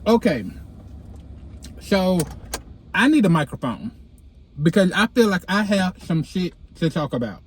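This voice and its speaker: Sitting in a car with a phone in hand, a vlogger and podcast host talks to his followers in a high, husky voice. Dental aligners give him a lisp and a whistling s. He's very animated yet unhurried, pausing often, and his talk is slangy, candid and sassy.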